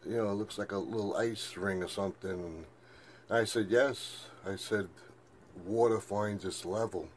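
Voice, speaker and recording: A man's voice: fairly low pitch, normal speed, background noise. An older man telling a rambling story in a monologue to camera, full of fillers and "I said". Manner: meandering, repeats "I said", many fillers. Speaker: flat-earth video maker.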